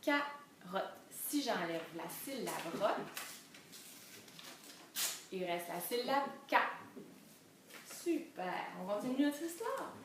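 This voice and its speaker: Animated Québécois woman reading to toddlers. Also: medium pitch. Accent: Quebec French. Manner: animated, spelling out syllables slowly. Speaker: children's reading educator. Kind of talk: enriched read-aloud lesson for toddlers. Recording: very echoey room, distant mic, faint noise.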